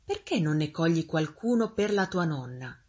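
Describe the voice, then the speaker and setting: A woman voicing a sly, soft-spoken male wolf in a fairy tale, talking low and coaxing. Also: animated, moderate pace, slightly rough.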